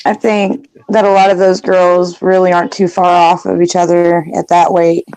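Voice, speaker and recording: A woman's voice: lowish voice, level tone, moderate pace, a little mellow, clean tone, rough recording. A woman who is a wrestler's parent, chatting as a guest on a podcast and often trailing off. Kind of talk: casual chat.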